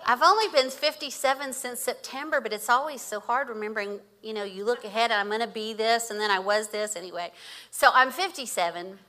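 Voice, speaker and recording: A woman's voice: a little high, brisk. A woman, preaching as a guest speaker and telling stories with frequent laughter. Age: 50s. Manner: animated storytelling with laughter. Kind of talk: sermon.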